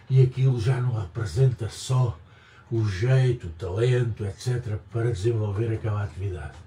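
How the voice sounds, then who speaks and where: A man's voice: medium pitch, a little hiss or hum. An older man from Portugal with a European Portuguese accent, talking in a rambling, digressive monologue full of emphatic repetitions. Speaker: vlogger. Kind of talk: casual opinion monologue. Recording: roomy, distant mic, faint ambience.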